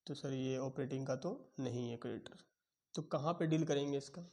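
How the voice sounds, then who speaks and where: A man's voice: medium pitch, moderate pace, a little mellow. A young man teaching a commerce lecture, quizzing students and acting out their answers in Hinglish. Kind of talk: classroom lecture.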